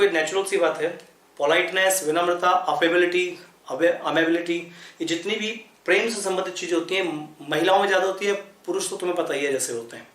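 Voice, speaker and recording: A man's voice: on the high side, fairly bright tone, reverberant. A man teaching English vocabulary in a lesson, repeating words, spelling them letter by letter and asking rhetorical questions. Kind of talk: explanatory classroom lesson.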